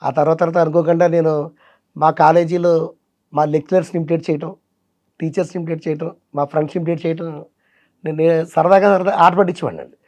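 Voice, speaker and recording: A man's voice: a little high, level tone, quick pace, pauses often, darkish tone. A man who works as a mimicry artist and singer, eagerly telling his story in a casual interview.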